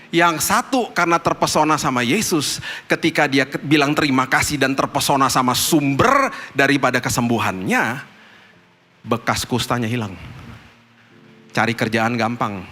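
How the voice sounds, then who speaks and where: A man preaching a sermon as a pastor, telling stories in a lively, colloquial way. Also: medium pitch. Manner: lively storytelling preacher, colloquial, acts out dialogue.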